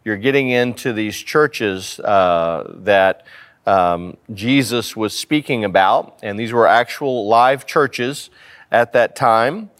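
A man's voice: on the low side, takes it slowly, fairly bright tone, clear, resonant tone. Male pastor teaching a sermon. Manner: repeats phrases for emphasis, rhetorical questions. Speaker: pastor preaching. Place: church sanctuary.

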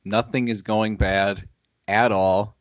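A man's voice: on the low side, flat delivery, slow, no room sound, highs cut off. A man hosting a casual podcast chat, playful and teasing, recorded over a video call. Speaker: podcast host.

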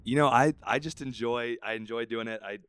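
A man's voice: medium pitch, a little fast, fairly bright tone, clear, resonant tone. A man, a podcast guest telling candid, self-deprecating stories. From Southern California. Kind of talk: casual interview.

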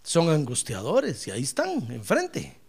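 A male pastor preaching a sermon, fervent, swinging from loud exclamations to quiet asides and often addressing his listeners directly. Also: fairly high pitch, huge pitch swings, unhurried, gravelly, husky. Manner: repeatedly addresses listeners as "hermano".

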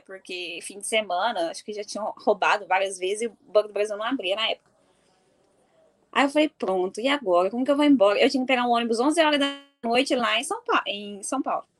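A woman from do Sul, casually telling a personal story in an animated way and laughing often. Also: on the high side. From Mato Grosso do Sul, Brazil. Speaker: football fan.

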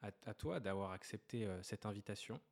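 A man's voice: on the low side, a little fast, vocal fry, a little mellow. A man hosting a podcast, reading a scripted intro and then asking questions with frequent hesitations. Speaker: podcast host.

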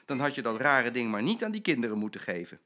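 A man's voice: mid-range voice, big pitch swings, quick pace, over music, close to an everyday voice. An older man voicing a mother who exclaims and scolds, in a children's story he reads aloud. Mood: exclaiming. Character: mother, easily startled, scolding.

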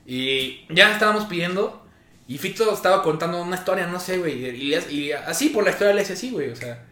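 A man's voice: high voice, animated, quick pace, sharp tone. A Mexican man co-hosting a casual chat, rambling through stories with frequent laughter. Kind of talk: casual chat among friends. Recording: roomy echoey room.

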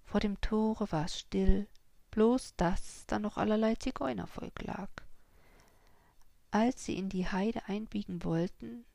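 A woman narrating an audiobook in a measured storytelling manner. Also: mid-range voice, vocal fry, dark tone, dry recording.

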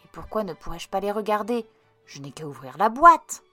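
A woman's voice: mid-range voice, very animated, moderate pace, pushed and bright, faint music behind. A woman reading a storybook aloud and voicing a greedy, fretful little girl. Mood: wistful.

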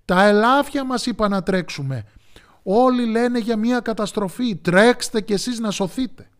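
A man voicing a herd of anxious pigs in a children's story, calling out excitedly. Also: a little high.

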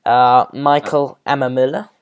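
A man hosting a podcast in casual chat, reading names out haltingly, tripping over pronunciations and laughing at himself. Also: mid-range voice, flat delivery, smooth, highs cut off. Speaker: podcast host.

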